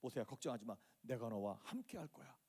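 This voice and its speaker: A man's voice: mid-range voice, normal speed, a little mellow, pitched below the performer's own voice, natural voice. A man voicing God as a fatherly, patient male deity, speaking plainly and reassuringly.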